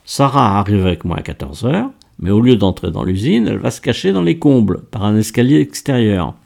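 A man's voice: fairly low pitch, very animated, a little fast, creaky, darkish tone, exaggerated voice. A man voicing an anxious young factory worker who earnestly lays out a plan, within a read-aloud story. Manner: earnest, explaining plans in detail.

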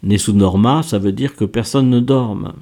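A man reading an audiobook, voicing an excitable young woman who runs a dance show, in a breathless, gushing way. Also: fairly low pitch, normal speed, lightly acted. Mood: eager.

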